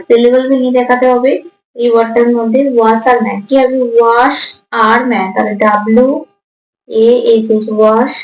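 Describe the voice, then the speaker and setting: Woman teacher, exam walkthrough, slow careful delivery, spells words out, roomy echo. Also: fairly high pitch, dull audio. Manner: spells answers out letter by letter; reads English prompts slowly, then explains in Bengali. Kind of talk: exam answer walkthrough lesson. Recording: echoey room.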